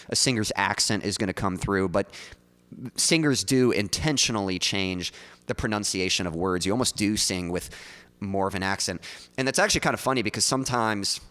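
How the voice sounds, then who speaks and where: A man's voice: lowish voice, fairly bright tone, long reverb tail. A man streaming as a songwriter, talking loosely with lots of "like" and "um" into a studio mic in front of his mouth. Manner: loose and chatty, full of likes and ums. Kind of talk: casual livestream chat.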